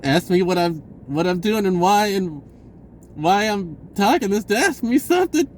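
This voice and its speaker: Speaking at a normal speed, a man with a high-pitched, expressive voice recounts his own experiences as a vlogger. He rambles in casual slang and acts out snippets of dialogue, with slight background noise.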